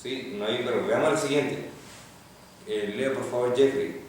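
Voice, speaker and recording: In a classroom lecture on Hebrew grammar, a man explains patiently step by step and checks in with his students. His voice is medium in pitch at a normal speed, captured from far off in an echoey classroom with faint noise.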